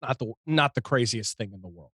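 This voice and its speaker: A man's voice: mid-range voice, animated, fairly quick, fairly bright tone, breathy edge, no room sound, studio quality. An American man co-hosting a talk show, speaking casually and telling stories with emphatic exasperation. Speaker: co-host of a computer talk show.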